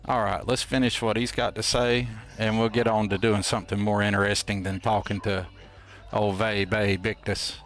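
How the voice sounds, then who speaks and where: A man's voice: lowish voice, little pitch movement, normal speed, a bit bright. A man hosting a game stream with casual, folksy, playful and rambling commentary. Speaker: host of a gameplay livestream.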